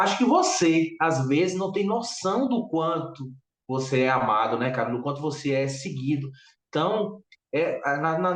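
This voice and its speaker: A talkative man with a Brazilian Portuguese accent hosts a casual podcast chat, piling on fillers as he goes. His voice sits fairly high. He sounds set back from the mic, in an echoey room. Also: recorded from a distance. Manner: animated, talkative, many fillers. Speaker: podcast host.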